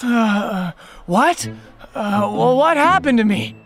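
A woman's voice: fairly high pitch, animated, takes it slowly, exaggerated voice. A woman voicing a sly, sneaky male fox con artist in a cartoon. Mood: dazed. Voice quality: sneaky, chuckling. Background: background music.

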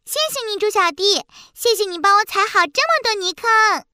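A woman's voice: normal speed, pushed and bright, dry recording, clean studio sound. A woman voicing small, sweet storybook animals, a fish and a bunny. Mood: delighted. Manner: squeaky, delighted. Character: tiny cheerful fish and bunny, sweet and eager.

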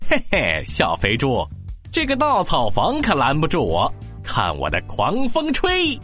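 A woman's voice: low-pitched, huge pitch swings, fairly bright tone, faint music behind, exaggerated voice. A woman voicing a boastful, greedy big bad wolf in a children's story, with a sneering, menacing wolf voice. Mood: gloating, menacing. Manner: sneering, menacing wolf voice with drawn-out taunts and exclamations. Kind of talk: children's audio story acting.

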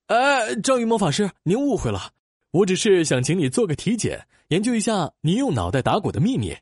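A woman voicing a curious, polite dolphin doctor in a children's audio story, earnest and exclamatory, with a husky voice. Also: medium pitch, big pitch swings, brisk, darkish tone, no room sound, clean studio sound.

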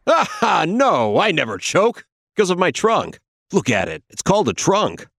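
A gentle cartoon elephant firefighter, played by a man, calm and kindly, with a mid-pitched voice that swings up and down through each line. He sounds reassuring and cheerful, and the dry studio recording keeps him close and clear. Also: normal speed, no echo, heavily acted. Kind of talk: children's cartoon acting.

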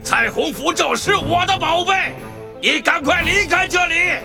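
An actor voicing a huge grumpy fire-breathing dragon for a children's audio story, with gravelly, rumbling growls and groans. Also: animated, a little slow, over music. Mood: threatening, gruff.

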